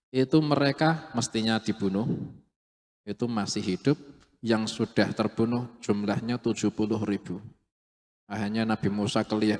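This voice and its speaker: Low-voiced preacher telling a story. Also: male voice. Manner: animated storytelling, acting out quotes. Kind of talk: sermon storytelling. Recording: long echoey hall reverb.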